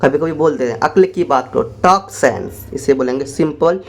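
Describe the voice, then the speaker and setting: An English teacher, his voice sitting a little high for a man. He dictates English phrases at a very slow, deliberate pace, breaking off into quicker explaining asides between them. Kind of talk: spoken English lesson.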